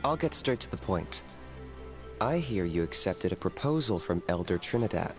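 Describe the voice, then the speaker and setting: An actor playing a calm, blunt young male hunter who talks in a flat, matter-of-fact way. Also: low voice, moderate pace. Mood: deadpan. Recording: game audio with music behind.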